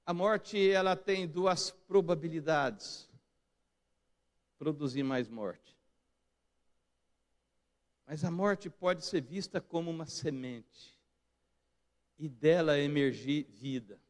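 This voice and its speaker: Slow, high-voiced Brazilian pastor preaching. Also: male voice. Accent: Brazilian Portuguese. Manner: swings between quiet reflective lows and loud emphatic peaks. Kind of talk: sermon. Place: church sanctuary.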